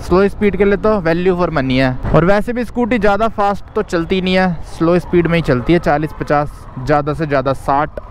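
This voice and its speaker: A man's voice: fairly high pitch, fairly quick, few pauses. A young man in casual motovlog commentary, riding a scooter through city traffic and chattily explaining tips to viewers through a helmet mic. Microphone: helmet mic recording from a ride. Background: faint traffic and wind.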